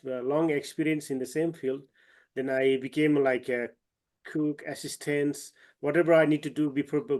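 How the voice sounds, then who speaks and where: A man from eastern Nepal, a trekking guide and company owner, speaks haltingly with many fillers and restarts over a video call. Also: medium pitch. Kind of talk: online webinar talk.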